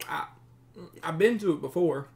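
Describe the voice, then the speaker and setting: A man's voice: on the high side, moderate pace, gravelly, voice pushed up. A man voicing a nervous, stammering captive bandit who speaks in a raised, anxious voice.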